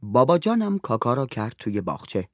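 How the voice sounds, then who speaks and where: A man narrating a story in an expressive reading voice. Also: medium pitch, dry recording, studio quality.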